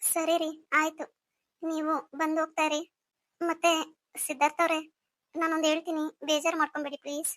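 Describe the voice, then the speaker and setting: A woman's voice: high voice, little pitch movement, a little fast, long pauses, fairly bright tone, dry recording. A woman voicing a tearful young wife. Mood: anxious. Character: gentle young pregnant wife, anxious and tearful. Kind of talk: melodramatic audio story acting.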